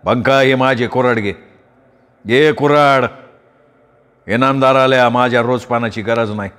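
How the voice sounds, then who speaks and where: Man doing a burly village guard, blunt, defiant, mid-pitched. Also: fairly even intonation, moderate pace, fairly bright tone, in a large hall, natural voice.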